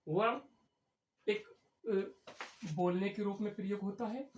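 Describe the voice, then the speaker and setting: Slow, deliberate woman teaching grammar. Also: medium pitch, a little mellow, a little hiss or hum. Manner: slow, explanatory, repeats key words. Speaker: Hindi teacher. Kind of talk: blackboard grammar lesson. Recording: echoey room.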